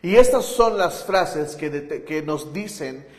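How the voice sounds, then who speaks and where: A man's voice: fairly high pitch, expressive, takes it slowly. A pastor preaching a conversational sermon, asking his listeners rhetorical questions. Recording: echoey hall with long reverb.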